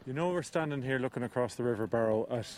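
A man's voice: mid-range voice, fast, a little mellow, faint music behind. A male radio reporter doing on-the-spot interviews outdoors by a river, asking teasing, jokey questions.

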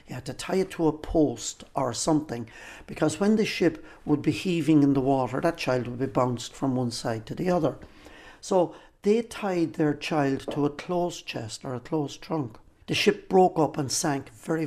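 An older speaker from County Cork, Ireland, with a Cork accent and a slightly mellow mid-range voice, grew up in a lighthouse keeper's family and now works as a local guide. Interviewed, they reminisce conversationally, building lists and repeating phrases for emphasis.

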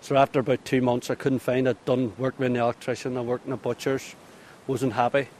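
A man's voice: medium pitch, level tone, brisk, darkish tone, slight background noise. A man in his forties with a Northern Irish accent, an outdoor education instructor telling jokey stories in a casual interview. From Northern Ireland. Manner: chatty, jokey storyteller, acts out voices. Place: outdoors at an activity centre.

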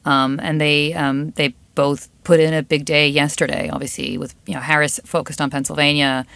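A woman's voice: low-pitched, level tone, normal speed, vocal fry, fairly bright tone, dry recording. A woman reporter giving conversational political analysis as a studio interview guest. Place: radio studio.

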